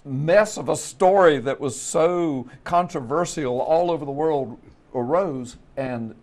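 On a TV studio set, a middle-aged man from the US Gulf Coast, a pastor and author, recounts a story with animation and hand gestures. His fairly high voice moves at a measured pace, picked up by a lapel mic during the panel.

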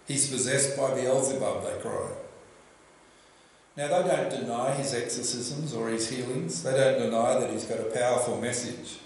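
An older Australian man preaching a sermon at a church lectern, telling the story in a lively way and asking the congregation questions. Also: medium pitch, moderate pace, slight background noise. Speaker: pastor. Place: church hall with projection screen. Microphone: lectern microphone. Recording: very echoey church room.

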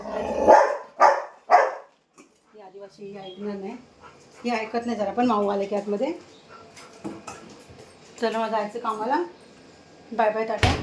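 Lady talking baby talk to her cats at home, high voice, bit of noise behind. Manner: coaxing, cooing baby talk to pets. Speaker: vlogger. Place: home with pets.

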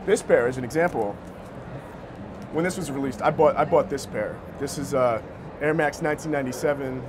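Speaking fairly quickly over music, an American man in his thirties with a mid-range voice answers interview questions as a company co-founder. His talk is casual and slangy; the place is an indoor sneaker shop showroom, and background noise is clearly present.

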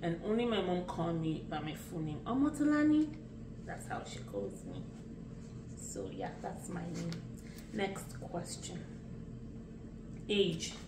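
A Nigerian vlogger in her late thirties, with a Nigerian accent, answers questions about herself in a casual get-to-know-me vlog, unhurried, chatty and rambling with restarts. Her voice is on the low side and very animated, recorded from a distance in a roomy space with a noisy background.

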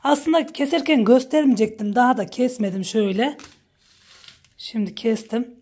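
A woman vlogging about her village life, chatting warmly with her viewers and calling out to her animals in a high coaxing voice outdoors. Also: moderate pace, slightly rough, no room sound. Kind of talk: casual vlog narration to viewers. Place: outdoors at a village farmyard and garden.

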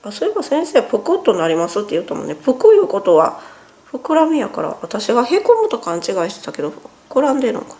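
Talking from her home, a Japanese vlogger in her 40s has a slightly high, mellow, sing-song voice and a quick pace. Her chatty speech is a bit sluggish and strained after nose surgery, and she winces in pain while correcting herself as she goes.

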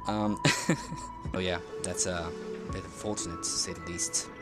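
A game streamer with a deep voice and fairly even intonation talks a little slowly, giving playful, casual commentary on the game. He chats, reacts and echoes what characters say as video game music plays under him.

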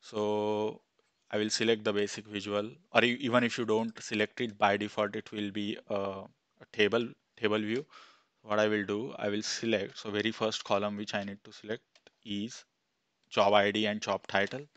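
Man, 30s, instructor, flat delivery, headset mic, dry small room. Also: fairly low pitch, moderate pace, clean tone, no echo. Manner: plain step-by-step, thinking aloud with fillers. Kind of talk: screen-recorded software tutorial.

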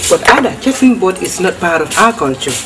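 A woman's voice: lowish voice, big pitch swings, fairly quick, very noisy. A middle-aged woman, patiently explaining home cooking outdoors and often repeating herself. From The Gambia. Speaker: cooking teacher. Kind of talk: casual explaining. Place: outdoor courtyard.

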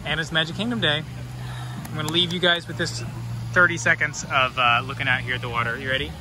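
A man chatting casually to his phone camera as a vlogger, upbeat and quick to laugh. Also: fairly high pitch, fairly even intonation, background noise. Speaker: travel vlogger. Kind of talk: casual vlog chat. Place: busy store and lakeside outdoors at night. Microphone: handheld phone camera.

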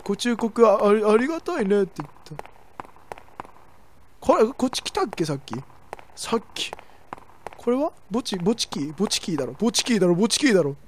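A young woman streamer chatting excitedly through a horror game, with sudden shrieks. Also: mid-range voice, fairly quick, long pauses, slight background noise. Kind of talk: let's play commentary.

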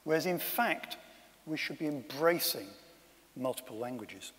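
Male conference speaker, fairly high voice, dry humour, long hall reverb. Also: animated, a little slow, a bit bright. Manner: wry, self-deprecating asides. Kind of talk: conference talk. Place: conference room.

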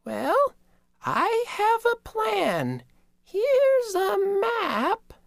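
A storyteller voicing an old spider grandmother, kind and wise, speaking very slowly in a soft, high, quavering voice. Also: huge pitch swings, vocal fry, no echo, clean studio sound, exaggerated voice. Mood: gentle. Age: older. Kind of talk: oral storytelling.

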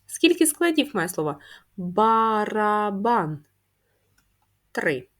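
A woman's voice: mid-range voice, big pitch swings. A woman teaching a first-grade handwriting lesson, patiently asking questions and answering them herself. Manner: patient, drawn-out, answers her own questions. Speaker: primary school teacher. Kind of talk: slow, clearly spelled-out handwriting lesson.

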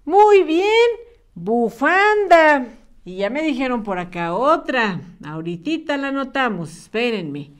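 A woman teaching a spelling lesson to young children, patient and encouraging, spelling words out slowly and clearly. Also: fairly high pitch, sing-song. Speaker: primary school teacher.

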